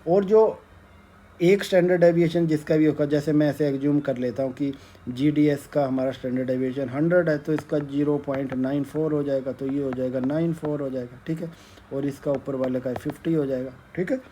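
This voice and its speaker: A man teaching econometrics in a slow, step-by-step lecture, checking in after nearly every sentence and mixing in English terms. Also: on the high side, steady tone, mellow, slight background noise. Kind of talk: whiteboard lecture.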